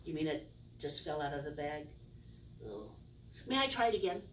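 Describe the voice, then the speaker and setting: A woman's voice: low voice, sing-song, normal speed, far from the mic. A middle-aged woman plays the kids' party magician with big, swooping intonation. She is theatrical and playful, full of exaggerated wonder and mock puzzlement. The sound is roomy, picked up by a camera some way from her small indoor stage, with faint noise. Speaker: children's magician and circus performer. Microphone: distant camera.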